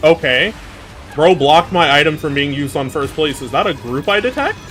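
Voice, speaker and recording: A man with a New York accent chatting casually while streaming a racing game, swearing, laughing and reacting loudly. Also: on the high side, expressive, moderate pace, soft background music. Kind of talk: casual chat while gaming.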